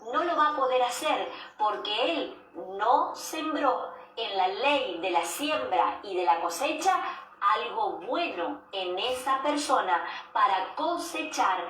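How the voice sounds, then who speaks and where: A woman giving a devotional sermon as a preacher, measured and repeating key phrases for emphasis. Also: a little high, fairly bright tone. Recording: roomy echo, distant mic, faint background noise.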